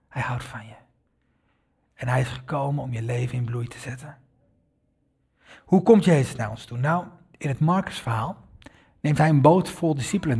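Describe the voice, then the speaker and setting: A man's voice: on the high side, breathy edge. A man preaching a sermon, telling a story in an earnest way and addressing the listeners directly. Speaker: pastor.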